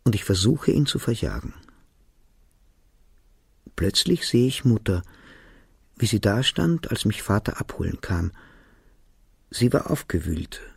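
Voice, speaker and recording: A man reading a novel aloud as narrator, telling the story in a calm, measured way. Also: on the low side, vocal fry, husky, no echo, studio quality. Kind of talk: audiobook reading.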